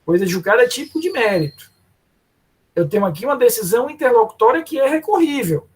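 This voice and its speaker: A man's voice: very high voice, sing-song, fast, slightly rough. A man teaching law in a lecture, explaining step by step and calling on students by name. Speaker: law professor. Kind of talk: live online lecture.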